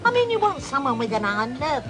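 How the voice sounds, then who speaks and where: A woman's voice: sits high, sing-song, fast talker. An actress playing a dotty, earnest older woman in a British TV soap. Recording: TV soundtrack with music.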